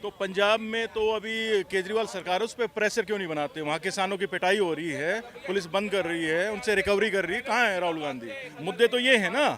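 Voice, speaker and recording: Man, high-pitched, argumentative street interviewee, with an audible crowd behind him. Outdoors. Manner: argumentative, dismissive rhetorical questions. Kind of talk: political vox pop.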